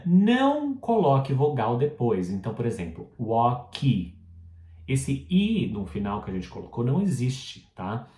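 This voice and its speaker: Slow, mellow Brazilian man teaching. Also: medium pitch, wildly swooping pitch. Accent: Brazilian Portuguese. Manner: patient, repeats model words slowly, asks the viewer to repeat; frequent checking tag questions. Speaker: English pronunciation teacher. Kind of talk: online pronunciation lesson. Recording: roomy echo.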